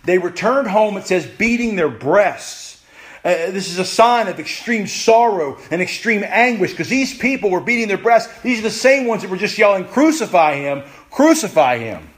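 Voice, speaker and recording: A man preaching a sermon, emphatic and repeating phrases, at times rushing and at times slowing right down. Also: high voice, a bit bright. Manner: emphatic, repeats phrases, pace swings from rushed to slow. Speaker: pastor.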